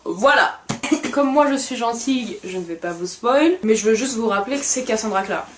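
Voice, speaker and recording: A woman's voice: a little high, normal speed, a little hiss or hum. Hesitant young woman with wry asides. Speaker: book reviewer co-host. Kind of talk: casual chat book review.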